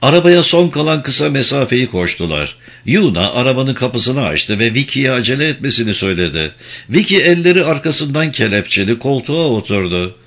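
A man narrating an audiobook in a dramatic, expressive reading style. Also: mid-range voice, fairly quick, vocal fry. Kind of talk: scripted narration.

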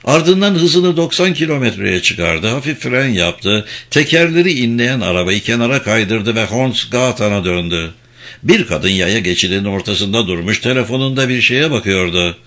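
A man narrating an audiobook in a dramatic, expressive reading style. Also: lowish voice, normal speed. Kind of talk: scripted narration.

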